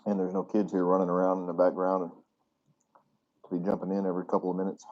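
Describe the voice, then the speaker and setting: Male channel host, lowish voice, easygoing live-stream chat between bites, muffled phone-mic sound from a hotel room. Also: monotone, fast, a little mellow. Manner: talks with his mouth full while eating. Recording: dull lo-fi phone audio.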